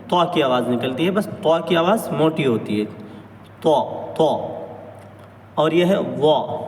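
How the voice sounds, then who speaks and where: A man teaching a pronunciation lesson on Arabic letters, drawing out each sound slowly and carefully. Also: fairly high pitch. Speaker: Quran recitation teacher. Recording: echoey hall, mic at a distance, faint noise.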